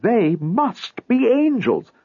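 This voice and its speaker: A man voicing a scornful, sharp-tongued wife who mocks and scolds her husband, in a storybook reading. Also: very high-pitched, very animated, slow, husky, dry recording, pitched above the performer's own voice, full character voice. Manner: mocking, scolding. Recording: tinny phone-like sound.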